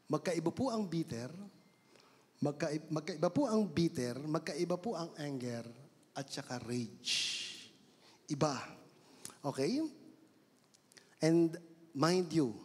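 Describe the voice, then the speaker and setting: A man's voice: on the high side, slow, pauses often, breathy edge. A man with a Filipino accent preaching a sermon in a church, switching between Tagalog and English and stretching out words for emphasis. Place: church hall. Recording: long church hall reverb.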